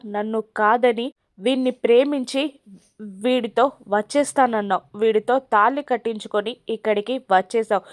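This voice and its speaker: A woman's voice: on the high side, no room sound, studio quality, natural voice. A woman voicing an angry middle-aged father who hurls accusing questions, in a story recap.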